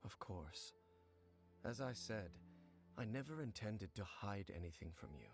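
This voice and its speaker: A calm, formal deep-voiced investigator. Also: male voice. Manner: formal, measured, explanatory. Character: calm, measured male investigator knight. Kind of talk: game dialogue. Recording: game audio with music.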